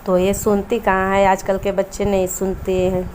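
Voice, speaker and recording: A woman chatting in a casual home vlog, often pausing to search for the right word. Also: mid-range voice, completely flat delivery, darkish tone, a little hiss or hum. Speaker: home vlogger. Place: home in an Indian village.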